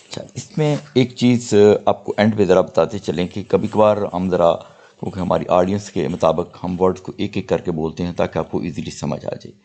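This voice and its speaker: An older man teaching English grammar, saying example sentences slowly and deliberately. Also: low voice, warm tone. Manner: slow deliberate model sentences, explanatory. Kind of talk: spoken grammar lesson.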